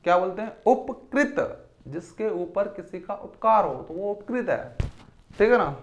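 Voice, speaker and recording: A man's voice: high voice, expressive, unhurried, slight background noise. A man teaching a recorded exam-prep lesson. He calls his students his children, repeats each term several times, and quizzes the listener.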